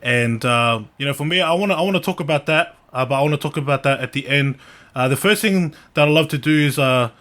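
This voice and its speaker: A man hosting a podcast in casual, earnest, slangy talk, often halting and repeating words. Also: medium pitch, fairly bright tone. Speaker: podcast host. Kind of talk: casual chat.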